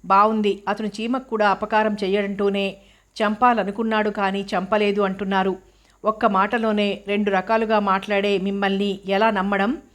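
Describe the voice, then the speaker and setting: Woman reading a stern male prosecutor in a court scene, flat even voice, pointed and sarcastic. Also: mid-range voice, normal speed, natural voice. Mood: probing. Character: stern male public prosecutor, sharp and probing.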